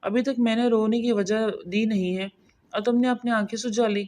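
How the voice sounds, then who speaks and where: A woman voicing a brooding, domineering young husband in a spoken romance novel, talking in a low, intense murmur. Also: fairly even intonation, a little mellow, close to an everyday voice.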